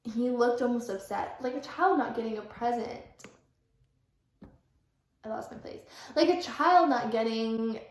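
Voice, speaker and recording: In a casual vlog with roomy echo, a young woman with a fairly high, unhurried voice reads her old fan fiction aloud. She's chatty, breaking off for self-mocking asides, correcting her own reading, and filling her talk with "like".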